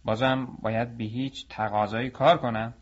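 A man's voice: medium pitch, steady tone, dull audio, natural voice. A man voicing an indignant young potter. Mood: protesting.

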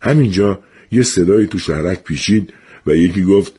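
A man telling a story in a lively way, acting out the other voices. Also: deep voice, breathy edge. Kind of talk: storytelling narration.

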